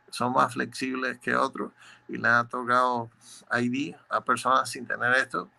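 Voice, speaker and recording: A man's voice: mid-range voice, creaky, bright, forceful tone. A man working as an immigration lawyer, answering legal questions in a methodical, explanatory way, often repeating words as he searches for the next one.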